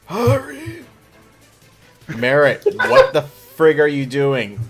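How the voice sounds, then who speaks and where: A man with a lively, swinging voice banters as a player in a tabletop game. Background music sits under his casual interjections. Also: medium pitch, a little slow.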